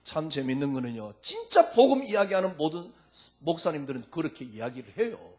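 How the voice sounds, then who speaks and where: A male pastor preaching a sermon, firing rhetorical questions at his congregation in an informal, lively way. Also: a little high, fairly quick. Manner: speaks informally and lively in the pulpit.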